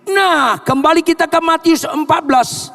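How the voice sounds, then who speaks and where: A male pastor preaching a sermon, emphatic and rising to shouts on quoted lines, calling on the congregation to answer and clap. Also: extremely high pitch, normal speed, gravelly. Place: church.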